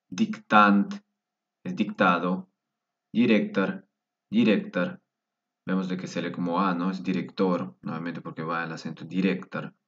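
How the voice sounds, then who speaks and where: A man's voice: deep voice, fairly bright tone. A man teaching a vocabulary lesson, patiently repeating each word several times. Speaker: language teacher. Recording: dull, distant mic.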